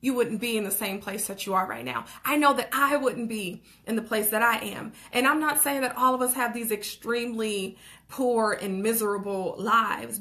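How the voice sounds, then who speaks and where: A young woman giving an urgent motivational talk about a book, pressing listeners to act, with quick laughs and frequent "okay?" and "like". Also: fairly high pitch, fairly bright tone. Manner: urgent, preachy, exhorting with repeated calls to action; laughs between phrases, says "okay?" and "like" often. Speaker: motivational vlogger.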